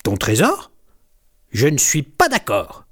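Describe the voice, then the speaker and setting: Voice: mid-range voice, very animated, moderate pace, voice pushed up. A storyteller voicing a grumbling, reproachful boy kitten in a storybook. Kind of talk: storybook reading.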